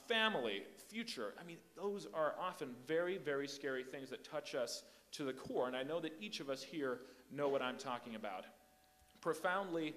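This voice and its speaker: A young man who grew up in Hong Kong and the Philippines gives an animated, emphatic youth sermon as an invited speaker, often repeating his words. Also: mid-range voice.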